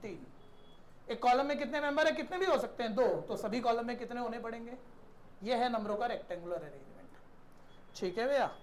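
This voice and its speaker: A man's voice: very high voice, animated, brisk, slight background noise. A man teaching a math class in a conversational lecture style, often checking in with his students and asking them questions.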